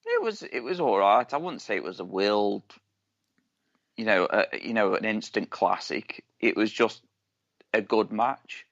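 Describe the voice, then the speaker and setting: A man's voice: fairly low pitch, expressive, measured pace, gravelly, fairly bright tone, no echo. A man co-hosting a podcast, cheeky and teasing with crude jokes. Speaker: podcast co-host. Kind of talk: casual chat. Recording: dull lo-fi dry sound.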